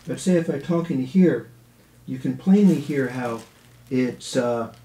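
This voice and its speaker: A man's voice: mid-range voice, measured pace, dark tone, reverberant, low-quality recording. Man in his fifties talking through a tube. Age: 50s. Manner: explanatory, chatty, with fillers. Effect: talking into a speaker enclosure, sounds like through a tube. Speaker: host. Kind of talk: casual how-to demonstration.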